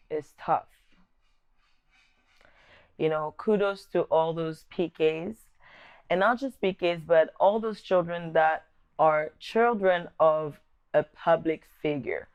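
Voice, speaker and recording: A woman's voice: sits low, expressive, clear, resonant tone, dull audio. A young adult woman from the Democratic Republic of Congo, speaking earnestly and thoughtfully about her upbringing as a vlog host. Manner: earnest and measured, with occasional restarts. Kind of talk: reflective personal talk to camera.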